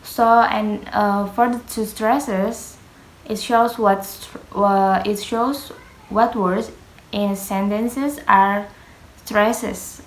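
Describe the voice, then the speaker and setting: Slow, hesitant young woman presenting to a class. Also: medium pitch, steady tone. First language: Indonesian. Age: young adult. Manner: hesitant, many fillers, non-native grammar slips. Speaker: student presenter. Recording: echoey room.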